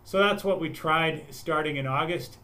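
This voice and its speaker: A man's voice: fairly high pitch, normal speed, pushed and bright. A man on a webinar panel explaining soil moisture data, talking through it with frequent restarts and repeated words. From United States.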